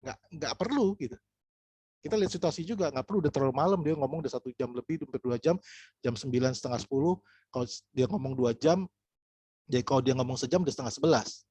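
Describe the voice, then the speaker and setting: A man talking quickly on a video call, coaching his listeners through a casual business lesson. He tells stories, repeats phrases, and acts out both sides of the conversations. His voice is close and dry, with no room sound. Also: mid-range voice, animated, warm tone, slightly rough, dry recording. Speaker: MLM business trainer. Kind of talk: casual training talk to an audience.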